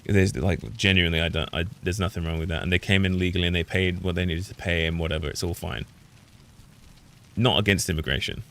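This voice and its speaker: This British game streamer has a low, steady voice with a slightly bright edge, and he talks fast. His casual, opinionated commentary wanders, repeatedly fading out and picking back up.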